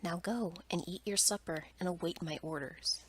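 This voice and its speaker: A woman voicing a stern, angry male beast from a storybook in a breathy, whispered, commanding and formal manner. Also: fairly low pitch, moderate pace, poor audio.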